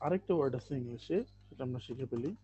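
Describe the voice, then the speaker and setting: Slow, careful male English teacher. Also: mid-range voice, dark tone, dull audio, a little hiss or hum. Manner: reads English lines slowly and drills pronunciation; explains step by step with many okays. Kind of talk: online live class teaching.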